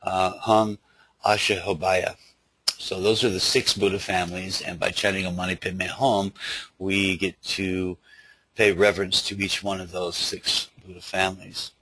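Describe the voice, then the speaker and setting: A man with a lisp giving an informal spoken teaching in a halting, loosely worded way, as a Buddhist teacher. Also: deep voice, level tone, pushed and bright, breathy edge, no room sound, rough recording. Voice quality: lisp from dental problems.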